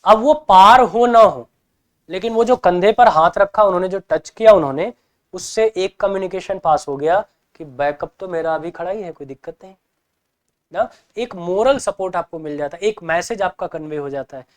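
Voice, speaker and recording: A man's voice: sits high, normal speed. A male teacher giving an exam-prep lecture, explaining with rhetorical questions and acting out everyday examples.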